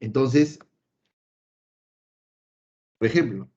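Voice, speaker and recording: A man's voice: mid-range voice, lively intonation, drawn-out words, darkish tone. A man teaching a math lesson, repeating key points emphatically and speaking straight to his students. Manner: playfully voices an imagined student answering him; repetitive, emphatic, addresses students directly. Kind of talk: recorded online math lesson. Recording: slightly dull lo-fi recording.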